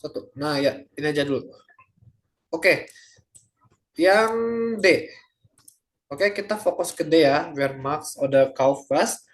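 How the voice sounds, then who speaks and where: A man's voice: on the high side, a little slow, pauses often. A young adult man tutoring a German class over a video call, speaking casually with lots of hesitant fillers. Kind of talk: online class teaching.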